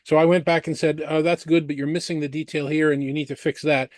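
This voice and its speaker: A man's voice: on the high side, level tone, fast, dry recording. A man debating on an analyst panel, laying out his points one by one with frequent restarts.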